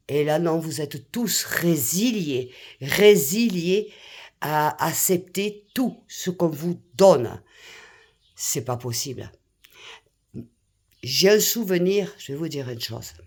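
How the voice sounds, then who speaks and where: A woman's voice: deep voice, a little mellow. An older woman, ranting indignantly to her viewers, full of exclamations and repeated phrases. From France. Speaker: vlogger. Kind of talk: angry rant to camera.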